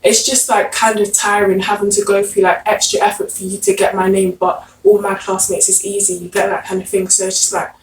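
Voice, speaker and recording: A young woman talks casually at an even middle pitch, with many filler words. She is recorded from a distance in an echoey room with faint background noise. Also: a little fast, few pauses. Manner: casual, lots of "like". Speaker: guest. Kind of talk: casual group discussion.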